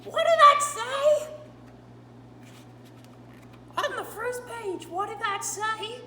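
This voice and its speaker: A woman voicing Grover, a timid furry male monster who frets loudly and begs the listener, recorded far from the mic in a roomy space with a steady hum. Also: very high-pitched, unhurried. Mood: excited, scared. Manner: loud, fretful, begging the listener.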